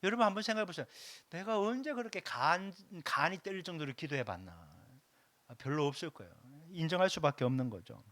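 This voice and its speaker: A pastor's Sunday sermon comes through with no room sound, his bright, high voice delivered fast and animated, with big pitch swings. Emphatic and repetitive, he hammers key phrases and asks the congregation questions directly, all captured close up.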